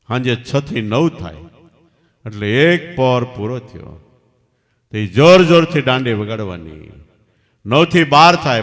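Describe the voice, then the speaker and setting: A man giving a devotional storytelling sermon as a spiritual teacher, swinging sharply between loud and soft. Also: medium pitch. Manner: emphatic, rising and falling sharply in loudness. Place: large hall at night satsang. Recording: long hall reverb.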